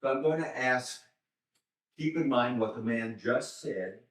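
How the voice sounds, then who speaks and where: An older man, a seminary professor, slowly reading and explaining scripture to a class. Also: mid-range voice. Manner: slow, deliberate, pauses to explain Greek words. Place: church hall. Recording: roomy church hall, mic far off.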